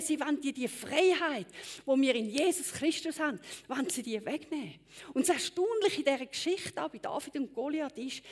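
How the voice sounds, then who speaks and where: A woman preacher giving a sermon, emphatic, swinging between loud exclamations and hushed lines. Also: sits high.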